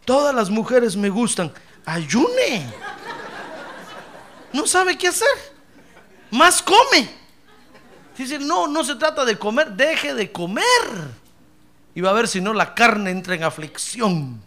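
A man's voice: very high-pitched, big pitch swings, takes it slowly, pauses often, sharp tone. A man preaching a sermon as pastor, telling humorous stories and acting out his congregants' voices.

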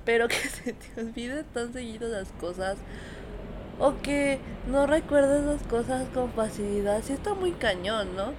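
A young woman, co-hosting a casual podcast and throwing in jokes and quick remarks. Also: fairly high pitch, expressive, noisy background. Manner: joking, quick interjections. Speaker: podcast co-host.

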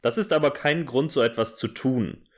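A man's voice: mid-range voice, moderate pace, voice pushed up, close to an everyday voice. A man voicing a distraught, tearful young woman in a mock-dramatic story reading. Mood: pleading.

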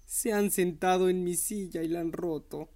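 A man voicing a tiny baby bear who speaks softly while crying. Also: high voice, steady tone, normal speed, pitched above the performer's own voice. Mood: tearful. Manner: crying, soft voice.

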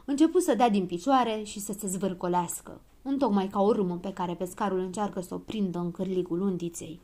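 A woman narrating a children's story in a lively, expressive reading. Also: mid-range voice.

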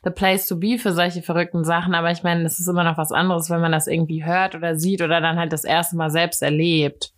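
A young woman with a lower voice chimes in with quick, slangy reactions. She is casual and loose, mixing short comebacks with longer remarks. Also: little pitch movement. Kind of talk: casual chat.

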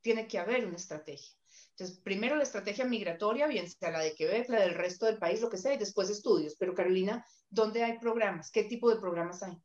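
A woman's voice: mid-range voice, brisk, a little mellow. A woman from Colombia with a Colombian accent, hosting as an immigration consultant and thinking aloud as she talks. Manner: thinks aloud, searches for words. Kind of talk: casual chat. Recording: roomy, dull call audio.

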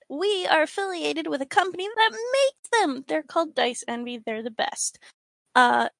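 A woman's voice: high voice, gravelly, a bit bright, dry recording. A woman player in a tabletop game podcast, playful and giggly with a sing-song streak. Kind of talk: casual chat among players.

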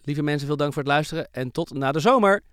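A man hosting a music podcast in a studio, leading the chat in a lively, animated way. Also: a little high, fast talker, smooth, dry recording. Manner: lively, animated host who leads the talk. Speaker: podcast host. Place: recording studio.

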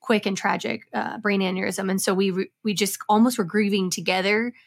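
A woman's voice: mid-range voice, steady tone, fairly quick, gravelly. A woman guest on a podcast, speaking candidly and with passion, swearing freely as she talks. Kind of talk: casual interview chat.

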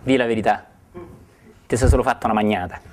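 A man's voice: lowish voice, steady tone, fast, darkish tone, close to an everyday voice. A man voicing a blunt ascetic who indignantly accuses his old companion.

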